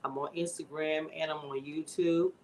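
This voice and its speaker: A woman's voice: sits low, fairly even intonation, a little mellow, slight background noise, rough recording. A woman in her forties chatting casually with viewers on a livestream, drawing out her words. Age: 40s. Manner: chatty, drawn-out, talks to viewers. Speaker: livestream host.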